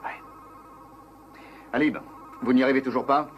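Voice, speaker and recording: An actor playing a decisive, protective male moon-base commander in a dubbed science-fiction series, giving brisk orders and questions. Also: medium pitch, fairly even intonation, highs cut off, slight background noise, natural voice. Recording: music behind the voice.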